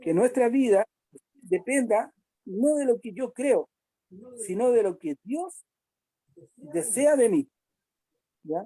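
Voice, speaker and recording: A woman's voice: a little high, lively intonation, takes it slowly, long pauses, warm tone, breathy edge, no room sound, rough recording. A woman reviewing a church Bible lesson, asking the listeners questions and hesitating often. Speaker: Sabbath school teacher.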